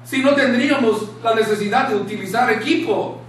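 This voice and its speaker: A man preaching a sermon in a small church room, impassioned, dropping to a hushed tone when he quotes scripture. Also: very high-pitched, a little fast. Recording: very echoey room, distant mic, faint hiss.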